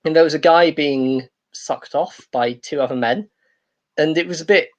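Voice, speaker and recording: A man doing a stand-up comedy set, hesitant and rambling, with many pauses and restarts. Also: a little high, dull audio.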